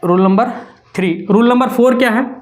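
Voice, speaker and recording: Woman teaching grammar, kinda high voice, spells stuff out slowly letter by letter. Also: darkish tone. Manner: spells words letter by letter, repeats with "है ना". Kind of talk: classroom-style grammar lesson.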